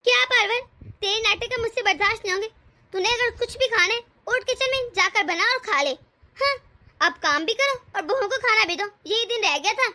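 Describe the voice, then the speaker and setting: A woman's voice: extremely high pitch, animated, fairly quick, sharp tone, full character voice. A woman voicing a harsh, sarcastic older mother-in-law in a cartoon story. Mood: scolding. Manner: taunting, sarcastic. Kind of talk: cartoon voice acting.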